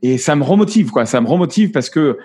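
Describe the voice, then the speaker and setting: A man's voice: a little high, lively intonation, a little fast, dark tone, husky. A man in his forties, a photographer and actor, chatting openly as an interview guest and often restarting his words. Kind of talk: casual interview chat.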